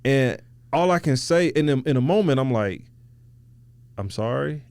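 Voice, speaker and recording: A man's voice: mid-range voice, expressive, moderate pace, a little mellow, clean tone, no room sound. A man hosting a podcast, talking reflectively in loose, slangy, casual conversation. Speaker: podcast host.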